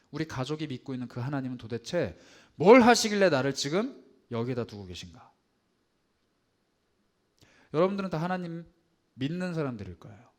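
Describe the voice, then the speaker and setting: A male pastor preaching a sermon to teenagers and young adults, swinging between loud emphasis and soft asides. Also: on the high side. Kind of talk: sermon to youth.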